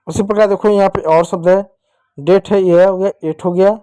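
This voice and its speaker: A man's voice: sits high, fairly even intonation, moderate pace, mellow, clear, resonant tone, dry recording. A male teacher giving an online lesson to young children. He patiently drills each point and asks questions that he answers himself. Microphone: writing with a digital pen while talking.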